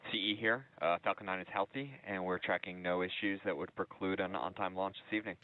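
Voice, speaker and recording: A man on the launch team giving brisk, clipped status calls and comm checks over a radio loop. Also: deep voice, steady tone. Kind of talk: mission control comm check. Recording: narrow radio channel audio.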